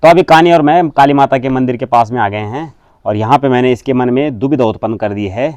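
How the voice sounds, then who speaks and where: Man, Garhwali accent, heavy booming voice, chatty teasing vlog talk, recorded outdoors on a hill path. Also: quick pace, over music. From Uttarakhand, India. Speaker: vlogger. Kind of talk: casual walking vlog narration. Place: outdoors on a village hillside path.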